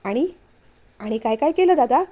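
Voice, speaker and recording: A man's voice: extremely high pitch, lively intonation, moderate pace, warm tone. A woman voicing a cheeky younger brother who teases his older sibling, read aloud as a story. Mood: teasing. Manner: teasing.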